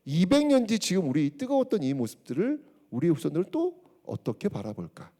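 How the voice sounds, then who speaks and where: Animated male history lecturer. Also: high voice, brisk. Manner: animated storytelling, acts out quotes, checks in with the audience. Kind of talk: public lecture.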